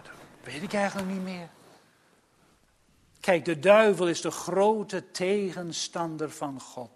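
A man preaches a sermon with grave, emphatic warnings. His voice is high for a man and he speaks slowly, drawing out the words and leaning on them for stress.

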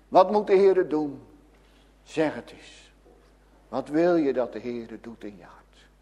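High, lively-voiced preacher in an echoing hall. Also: male voice. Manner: dramatic swings between loud calls and hushed lines. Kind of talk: sermon addressed to children and adults.

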